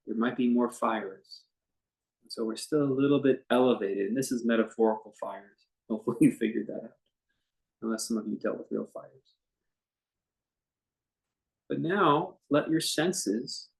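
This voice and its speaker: A man with a mid-range voice teaches a guided meditation, and the recording is rough. His delivery is unscripted and chatty yet gentle, hesitating often and pausing at length.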